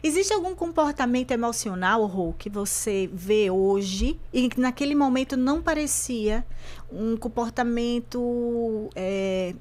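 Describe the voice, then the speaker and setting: A woman from Brazil hosts a podcast interview, her voice a little on the high side. She asks gentle, probing questions and lets her guest talk. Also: lively intonation, a little slow. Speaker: podcast host.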